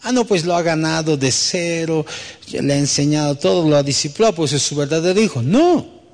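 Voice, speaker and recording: Pastor preaching in a reverberant hall. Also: male voice, on the high side, brisk, a little mellow. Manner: storytelling, rhetorical questions, tag "¿no?". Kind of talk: sermon.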